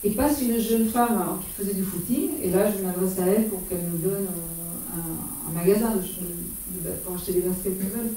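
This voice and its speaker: A woman's voice: on the low side, moderate pace, few pauses, warm tone, slight background noise. Chatty woman in an echoey hall. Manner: chatty, hesitant, many fillers and restarts. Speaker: speaker giving a travel talk. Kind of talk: informal slideshow talk about a solo walking pilgrimage. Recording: very echoey room, voice far from mic.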